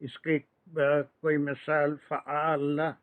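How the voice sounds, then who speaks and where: Male teacher, patient drill-style delivery, slow measured talk, dry tinny call audio. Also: medium pitch, steady tone, no room sound. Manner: patient, drills verb forms, mixes English phrases. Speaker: Arabic grammar teacher. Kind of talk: online class teaching.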